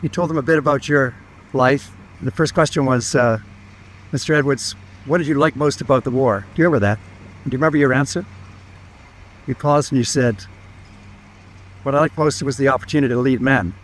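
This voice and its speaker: A man's voice: medium pitch, fairly quick, pauses often, slight background noise. A man speaking directly to someone, earnestly recalling a shared memory. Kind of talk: addressing a person directly in remembrance.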